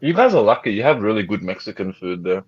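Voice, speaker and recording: A man's voice: fairly low pitch, big pitch swings, fast. A man who is a YouTuber chatting casually on a live stream, joking and laughing as he eats. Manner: joking, laughs often, talks while eating. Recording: slightly dull call audio, faint noise.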